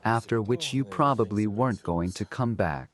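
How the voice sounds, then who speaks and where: Stern, accusing man of a wealthy house played by an actor, lowish voice, dubbed soap drama. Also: normal speed, no echo, lightly acted.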